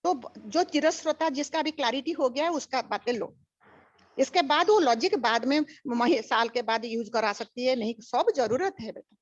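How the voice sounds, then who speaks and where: A woman's voice: high-pitched, normal speed, no echo. An older woman giving a spiritual teaching, emphatic and repetitive, mixing English phrases into her talk. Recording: dull lo-fi recording.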